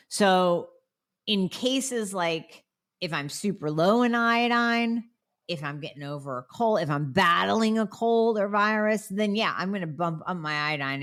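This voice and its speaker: A female doctor hosts a solo podcast Q&A, fielding listener questions bluntly and emphatically with sarcastic asides. Her voice sits on the low side and is a bit bright, with a nasal quality because she's getting over a cold.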